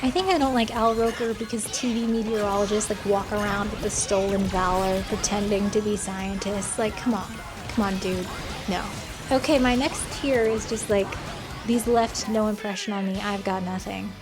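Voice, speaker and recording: A woman's voice: medium pitch, fairly even intonation, normal speed. An American woman giving casual, opinionated commentary in a blunt, wry, conversational way. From United States. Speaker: video commentator. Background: music.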